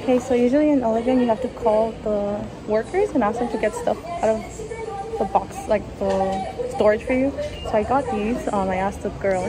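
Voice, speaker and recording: A woman's voice: fairly high pitch, normal speed, low-quality recording. A young woman in her twenties chatting casually to a handheld camera as she walks through streets and shops, giggly and full of fillers. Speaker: vlogger. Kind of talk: casual vlog chat to camera. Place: home kitchen, then streets, subway station and shops. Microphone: handheld camera at arm's length.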